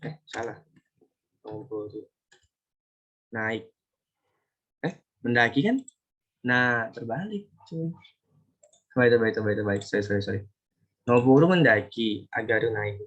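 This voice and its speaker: A man from Indonesia teaching a relaxed online Japanese class, chatty and often correcting himself as he talks. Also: mid-range voice, unhurried, long pauses, lo-fi sound. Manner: chatty, self-correcting, talks to students directly. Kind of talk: casual online class lesson.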